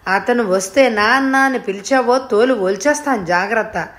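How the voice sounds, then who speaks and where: A stern, irritable young mother, played by a woman reading the story. She scolds in short, sharp bursts pitched above the narration. It is a storybook reading voice. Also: normal speed, lightly acted.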